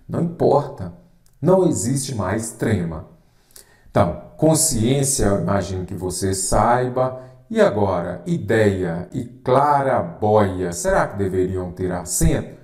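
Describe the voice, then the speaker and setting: A man's voice: lowish voice, a little mellow. Emphatic male teacher, echoey room. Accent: Brazilian Portuguese. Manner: emphatic, repeats "correto?" and "anote aí". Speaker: Portuguese teacher. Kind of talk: exam-prep lesson.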